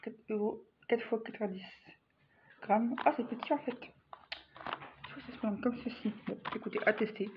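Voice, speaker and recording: A woman's voice: fairly high pitch, normal speed, dull audio, slight background noise. A woman vlogging a grocery haul at home, chatting casually to the camera with lots of fillers and restarts. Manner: chatty, addresses viewers directly, frequent fillers and restarts.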